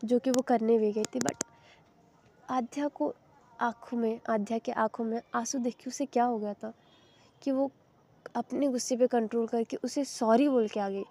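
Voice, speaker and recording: A woman's voice: on the high side, steady tone, moderate pace, dark tone, slight background noise. Chatty young woman telling a story. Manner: chatty, with self-corrections. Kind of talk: casual story narration.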